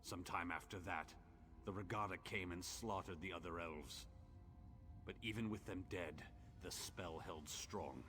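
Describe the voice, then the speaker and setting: A man's voice: low-pitched, a little slow, a bit bright, soft background music. An actor playing an ancient imprisoned orc in a fantasy game, bitter and lovelorn, telling his tale in solemn, archaic, theatrical speech. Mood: sorrowful, bitter. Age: old. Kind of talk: dramatic fantasy game dialogue.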